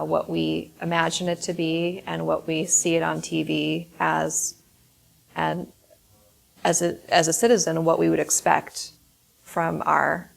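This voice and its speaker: A woman's voice: low voice, vocal fry. A woman attorney opening a presentation in an earnest, somewhat hesitant way with frequent fillers. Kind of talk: prepared presentation.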